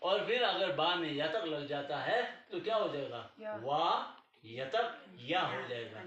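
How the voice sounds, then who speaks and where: A man's voice: medium pitch, fairly bright tone, muffled recording. A man teaching a language class, patiently explaining pronunciation rules and checking often that his student follows. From Tibetan community. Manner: patient, repeats "ठीक है" to check understanding. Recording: echoey room, mic far off.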